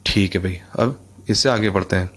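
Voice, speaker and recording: A man's voice: low voice, moderate pace, fairly bright tone, slightly rough. A man teaching a physics lesson, explaining in a chatty, conversational way and repeating phrases as he goes. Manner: conversational, addresses listeners as bhai, repeats phrases. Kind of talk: explanatory lecture.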